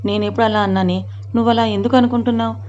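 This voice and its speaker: A doting young husband who coaxes his wife with affectionate words, put on by a woman narrator. The voice is mellow and fairly even in pitch. The recording is dull and lo-fi. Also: very fast, a little hiss or hum, close to an everyday voice. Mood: coaxing. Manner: coaxing, affectionate. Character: doting young husband, patient but short-fused.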